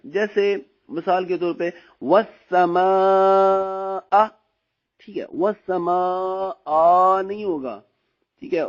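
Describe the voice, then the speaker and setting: Man, Pakistani Urdu accent, Quran teacher, slightly high voice, patient, drawn-out recitation, lo-fi recording. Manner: slow, drawn-out recitation of letter sounds between explanations; patient, repeats "theek hai" often. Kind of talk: recorded lesson on braille Quran reading. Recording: dull lo-fi recording.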